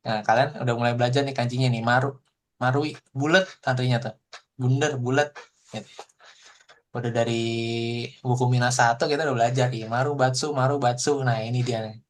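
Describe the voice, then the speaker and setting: A man teaching a Japanese language class online, explaining in a relaxed, chatty way full of fillers. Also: medium pitch, brisk, a little hiss or hum. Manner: explains in relaxed casual Indonesian with frequent fillers.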